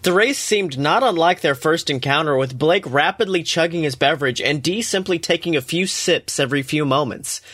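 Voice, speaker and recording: A man's voice: a little high, moderate pace, few pauses, fairly bright tone, husky, no echo, clean studio sound. A man narrating a story and giving a drink recipe in a casual, joking, irreverent way, with the odd swear word.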